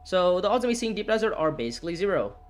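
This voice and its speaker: Talking fast, a twenty-something streamer gives live commentary on a ranked board game he's playing, reasoning through his moves out loud. His somewhat high voice leaps with each excited reaction, curses burst out when things go wrong, and soft music plays faintly in the background.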